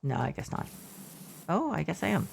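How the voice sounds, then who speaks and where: A woman's voice: on the low side, big pitch swings, moderate pace, vocal fry, a little mellow, a little hiss or hum. A middle-aged woman streaming a game, telling a meandering, self-correcting story with asides about what she is playing. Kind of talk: casual storytelling while gaming.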